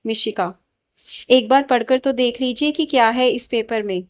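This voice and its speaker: A woman reading the lines of a calm, affectionate young man in a storybook tale, gentle and sincere, a little lower than her narration. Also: moderate pace, lightly acted.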